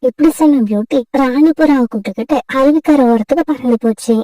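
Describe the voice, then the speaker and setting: A woman tells a children's cartoon story in a steady, high, mellow voice. The sound is dry and set back from the mic. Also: brisk, dry recording, distant mic, rough recording. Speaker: narrator. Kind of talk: storybook narration.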